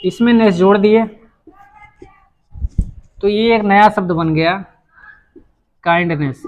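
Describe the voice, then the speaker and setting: A man's voice: high-pitched, slow, dull audio. A man teaching English grammar at a board, explaining patiently and repeating himself, often restarting a phrase while he writes. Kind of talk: whiteboard lesson explanation.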